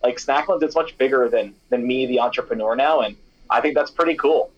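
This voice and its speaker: A young man who founded a snack company and used to be a radio DJ answers interview questions in a chatty, animated way, sprinkling in plenty of "you know" and "like." His voice is medium-pitched and fairly quick, and the recording sounds lo-fi.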